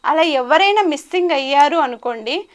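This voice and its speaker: A high-pitched woman speaking at a moderate pace, this life coach tells animated stories in an interview, dramatizing each quoted line.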